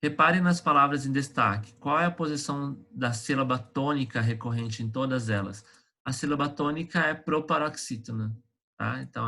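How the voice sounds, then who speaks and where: Chatty teacher checking in with students. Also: male voice, medium pitch, creaky, bright, forceful tone. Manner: conversational, checks in with students often; hesitant, with frequent fillers and restarts. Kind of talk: online lesson going over exercises.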